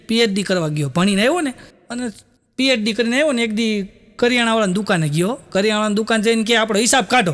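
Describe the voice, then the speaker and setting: Gujju comedian guy, high voice, folksy jokes, acts out the characters. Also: sharp tone, slight background noise. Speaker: stand-up comedian. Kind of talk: joke telling to a live audience.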